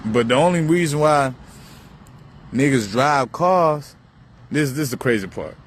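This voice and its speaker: A man's voice: mid-range voice, expressive, measured pace. A man talking in a rambling, profane outdoor monologue, musing on spirituality and repeating himself as his thoughts drift. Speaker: vlogger. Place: outdoors beside a busy road. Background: faint passing traffic.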